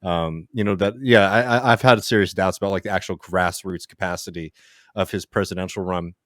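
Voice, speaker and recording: A man with a very low voice co-hosts a political podcast. He talks casually and rambles, leaning on fillers. The sound is dry and close. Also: steady tone, fairly quick, a bit bright, no room sound. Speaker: podcast co-host.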